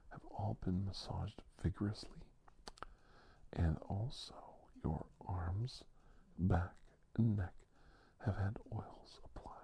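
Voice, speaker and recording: Man, soft whisper, ASMR massage roleplay, deep voice, mellow, gently chatty. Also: gravelly. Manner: narrates each step to a sleeping client.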